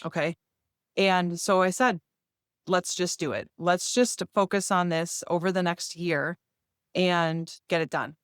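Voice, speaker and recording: A fitness vlogger in her forties talks casually and earnestly straight to camera about her fitness year. Her voice is on the low side with a clean tone, captured in a dry, clean studio recording.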